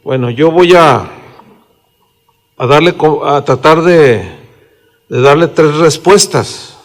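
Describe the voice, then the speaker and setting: A man in his sixties with a Mexican accent, preaching a sermon in a relaxed, conversational way, with fillers and tag questions. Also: on the high side, slow. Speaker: pastor. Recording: reverberant hall.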